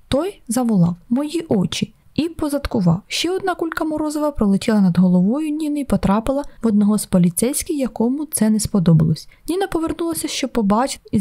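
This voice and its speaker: A woman narrating an audiobook in a steady, lightly ironic reading. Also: on the high side. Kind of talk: scripted narration.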